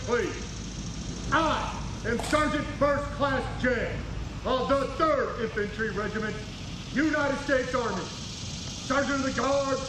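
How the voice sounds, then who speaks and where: Man, public-address announcement, formal military tone, echoey open-air sound, background noise. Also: extremely high pitch. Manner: measured, formal military delivery. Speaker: ceremony announcer, sergeant of the guard. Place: outdoor military cemetery ceremony. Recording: echoey outdoor broadcast with ambient noise.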